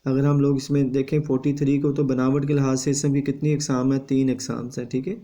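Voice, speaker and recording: A man's voice: mid-range voice, level tone, mellow. A male teacher giving an exam revision lesson. He lectures steadily and repeats a confirming tag after each point.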